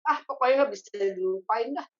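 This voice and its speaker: A woman's voice: mid-range voice, brisk. A woman speaking tenderly about a loved one she remembers, in casual talk. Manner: tender, reflective. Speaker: family member sharing memories. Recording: slightly dull audio with faint noise.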